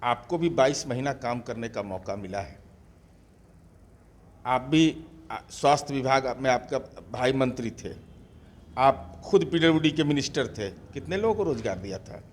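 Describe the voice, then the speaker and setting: A man's voice: mid-range voice, expressive, normal speed. A man speaking as a party spokesperson in a news interview, combative and rhetorical, firing pointed questions at a political rival.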